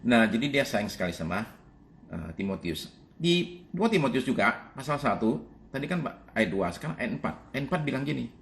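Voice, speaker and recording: A man's voice: medium pitch, normal speed, slight background noise. A male pastor giving a conversational sermon, reading Bible verses aloud and explaining them in a chatty, informal way, often checking in with the congregation. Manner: lively, chatty preaching, often asks "Oke?".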